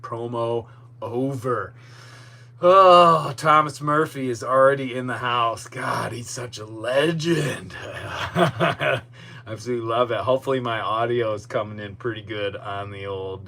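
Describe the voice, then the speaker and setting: A man's voice: mid-range voice, measured pace, bright, forceful tone. A man hosting a casual solo podcast live stream from outdoors in a yard, talking in a rambling, self-deprecating way. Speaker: podcast host. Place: outdoors in a boatyard. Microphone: podcast microphone. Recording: noticeable background noise with hum.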